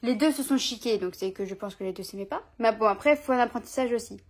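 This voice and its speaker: A young woman with a slightly high voice talks casually to her camera at home. Her speech is loose and slangy, full of little fillers and restarts, like an easygoing vlog chat. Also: quick pace. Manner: chatty, informal, slangy, frequent fillers. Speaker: vlogger.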